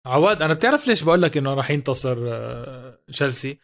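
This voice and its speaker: A man's voice: mid-range voice, animated, very fast, creaky. A man with a Levantine Arabic accent co-hosting a football podcast, telling stories in casual colloquial chat and repeating phrases for emphasis.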